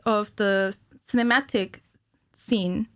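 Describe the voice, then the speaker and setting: A cinematic animator in her thirties appears as a guest on a casual interview podcast, thinking out loud in short bursts. Recorded in a small indoor studio on a stand-mounted mic with headphones, her medium-pitched voice is steady and slow, with clean sound and no room noise.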